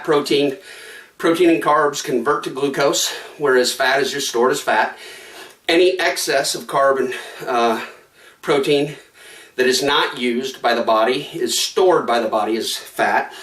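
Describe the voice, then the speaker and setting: A man talking casually in a quick, conversational way, slightly out of breath mid-workout in his home gym, repeating phrases for emphasis as he pitches a product. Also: fairly bright tone, roomy sound, far from the mic. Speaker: product promoter. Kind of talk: casual sales pitch to camera.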